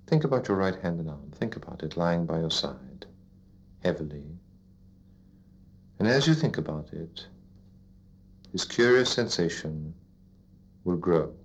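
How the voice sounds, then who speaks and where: A man guiding a listener into sleep as a hypnotist, in a soothing, repetitive, deliberate narration with pauses, like a sleep story narrator. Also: sits low, lively intonation. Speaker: hypnotist leading a relaxation induction. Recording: dull lo-fi recording.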